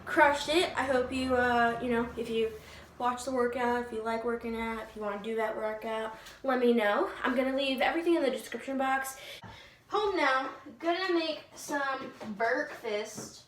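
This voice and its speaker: A young woman talking casually and informally to her vlog viewers, often softening things with filler words like "like" and "kind of". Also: a little high, normal speed. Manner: chatty, informal, hedging with "like" and "kind of". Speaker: fitness vlogger. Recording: roomy echo, faint background noise.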